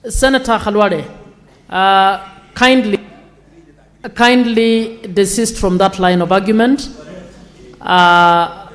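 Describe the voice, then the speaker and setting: A woman chairs a parliamentary debate. She is formal and directive, handling procedure in halting phrases as the presiding speaker. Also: mid-range voice, steady tone. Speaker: speaker presiding over senate.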